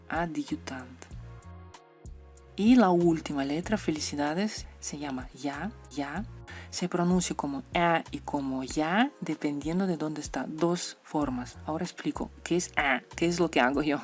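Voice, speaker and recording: Low-voiced woman teaching. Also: a little mellow. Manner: repeats example sounds slowly, playful asides. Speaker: Russian language teacher. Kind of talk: explaining letters and their pronunciation.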